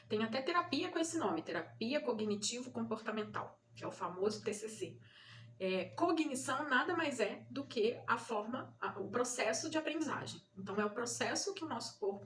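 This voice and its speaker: The recording carries a slight hiss or hum as a woman from Brazil, a mother running her own channel, patiently defines terms for parents. Her voice is a little high and a bit bright, and she goes over key points again, checking in with "né?" and "tá?".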